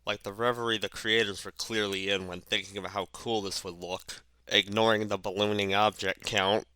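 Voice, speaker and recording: A man with a bright, forceful voice and a noticeable lisp delivers casual video commentary, stressing words in unexpected places. He is sardonic and swears freely. The sound is clear and dry, recorded close on a headset. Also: on the low side, flat delivery, normal speed, no room sound. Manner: puts odd emphasis on random words. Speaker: video narrator and reviewer. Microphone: cheap headset mic.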